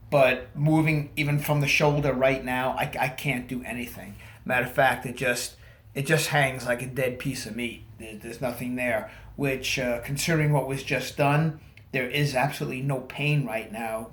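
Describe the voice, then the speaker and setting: A man talks casually to viewers in an echoey room. He sounds slightly groggy after surgery, with a halting delivery and a mid-range voice, as in a personal video diary. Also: mid-range voice. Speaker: vlogger.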